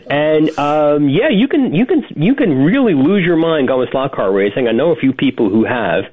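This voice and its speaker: A radio show caller comes through on a thin, phone-quality line. He is a man with a fairly high voice. His pitch swings up and down a lot as he chats about his hobby with easy, knowing enthusiasm. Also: sing-song, unhurried. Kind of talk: casual call-in chat.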